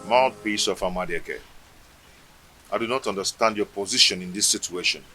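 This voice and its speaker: A man's voice: low-pitched, moderate pace, pushed and bright, faint music behind, low-quality recording. A man playing a frustrated man who demands answers from an oracle's mouthpiece. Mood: demanding.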